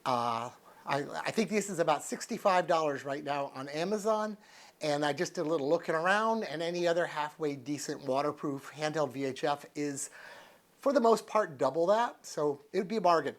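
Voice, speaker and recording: Sitting indoors in a living room with a couch, a sixty-something American man thinks aloud while reviewing a product in unscripted, casual chat. He's folksy and easygoing, with a fairly high pitch and moderate pace.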